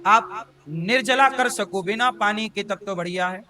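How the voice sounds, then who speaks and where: A man's voice: sits high, unhurried, sharp tone. A male spiritual preacher giving a devotional discourse to a live audience, folksy and often putting questions to the crowd. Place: large devotional gathering.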